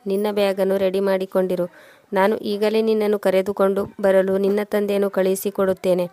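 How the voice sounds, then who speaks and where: A woman's voice: mid-range voice, completely flat delivery, brisk, warm tone, no echo, natural voice. A woman voicing a fierce, protective mother in a storybook reading, speaking firmly and indignantly. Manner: firm, indignant.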